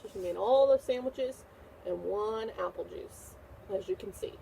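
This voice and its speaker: Reading a picture book to young children, a woman teacher repeats questions and answers and offers encouragement and praise. She talks at normal speed with a mellow, medium-pitched voice and vocal fry, on a rough recording with a little hiss or hum.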